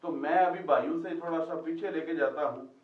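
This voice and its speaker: Captured from across the classroom, a man teaching Quranic Arabic asks his students questions and echoes their replies. He speaks a little fast in a slightly high voice, and the audio is roomy and lo-fi.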